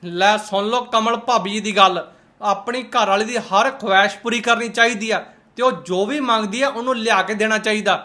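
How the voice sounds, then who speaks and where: A man's voice: high voice, fairly even intonation, normal speed, sharp tone. A man with a Punjabi accent giving mocking, sarcastic reaction commentary in colloquial speech. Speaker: host of a roast reaction channel.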